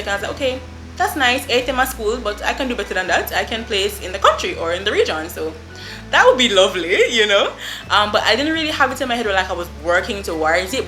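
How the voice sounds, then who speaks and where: On a poor, reverberant recording, a young Jamaican woman with a mid-range voice and a Jamaican accent chats to camera as a vlogger. Her casual storytime is animated and effusive, peppered with "I mean" and "like."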